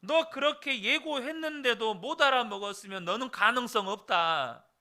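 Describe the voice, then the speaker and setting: A man's voice: high-pitched, sing-song, a little slow, sharp tone, full character voice. A man voicing God as a stern elder who scolds a complaining man with rhetorical questions, in a retold folk tale. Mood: stern scolding.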